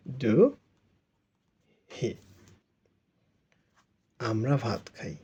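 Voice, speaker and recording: A man's voice: mid-range voice, a little mellow, breathy edge, highs cut off. A Bengali-speaking man teaching French grammar, explaining it step by step with patient repetition and spelling words out letter by letter.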